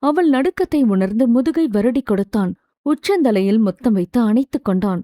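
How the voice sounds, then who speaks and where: A woman narrating a romance novel audiobook with steady, expressive storytelling. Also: fairly high pitch, normal speed, no room sound, studio quality.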